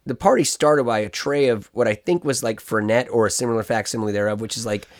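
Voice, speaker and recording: On a podcast, a man casually tells a long, animated story, rambling and breaking off for asides. He talks fast in a medium-pitched voice.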